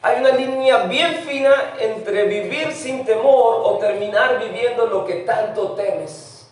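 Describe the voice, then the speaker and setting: Pastor, male, middle-aged, preaching; high voice, mic far off in a very echoey church. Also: slow pace. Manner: mixes English words into Spanish preaching. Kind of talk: sermon. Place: church sanctuary.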